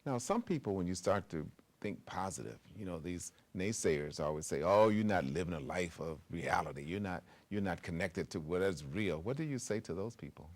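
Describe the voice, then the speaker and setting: Tv interviewer lady, super deep voice, encouraging, lots of affirming mm-hmms. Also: expressive, fairly quick, hardly any pauses. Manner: encouraging, frequent affirming murmurs.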